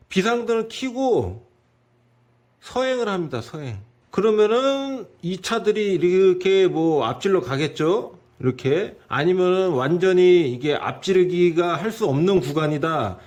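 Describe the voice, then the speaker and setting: A man giving a driving lesson, talking in an animated way and asking the listener rhetorical questions. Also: high voice. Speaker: driving instructor.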